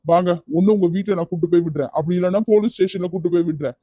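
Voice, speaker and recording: A kind young man in a cartoon, voiced by an actor, talking firmly but gently and coaxing without letup. His voice is mellow and middle-pitched, recorded dry and close. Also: racing, dry recording, dull audio, close to an everyday voice. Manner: firm yet gentle, coaxing. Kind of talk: cartoon voice acting.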